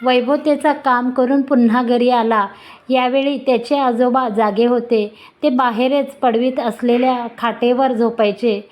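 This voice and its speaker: A woman storyteller reading a romantic story aloud at a steady, even pace. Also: fairly high pitch, measured pace.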